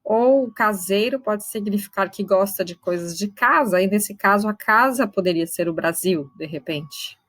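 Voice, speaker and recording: A woman teacher giving an online literature lesson, patiently explaining and slowly sounding out syllables. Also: medium pitch, fairly bright tone, no room sound, low-quality recording. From Brazil. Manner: patient, explains step by step, checks in with students.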